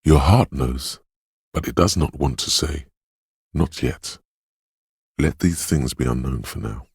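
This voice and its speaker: An actor voices a brooding, dreamlike inner voice of intuition for a video game, narrating in poetic second person at a slow, solemn, ominous pace. It's a full character performance by a man with a very deep, husky voice, recorded at studio quality with no echo.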